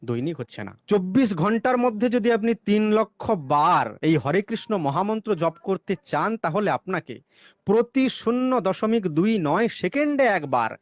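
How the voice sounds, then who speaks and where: Man, sarcastic explainer, high voice, dry close sound. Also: very animated, normal speed, no echo. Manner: sarcastic, chants the mantra mid-argument. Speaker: religious commentator. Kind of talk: explanatory monologue with arithmetic.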